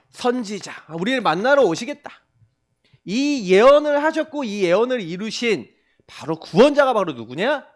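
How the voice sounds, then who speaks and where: Male pastor giving a youth sermon, pitched high and very animated, answers his own questions. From South Korea. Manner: animated, asks the congregation questions and answers them himself.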